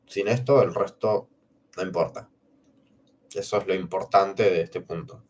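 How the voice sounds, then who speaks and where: A man's voice: low voice, unhurried, darkish tone, distant mic, a little hiss or hum. A man co-hosting a livestream workshop, explaining emphatically and checking in with listeners. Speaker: workshop co-host. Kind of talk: casual teaching on a livestream.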